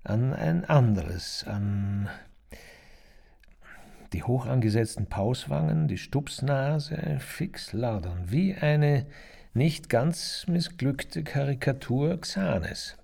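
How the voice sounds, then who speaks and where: Slow, gravelly male narrator. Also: medium pitch, animated, mellow. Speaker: audiobook narrator. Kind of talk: literary first-person narration.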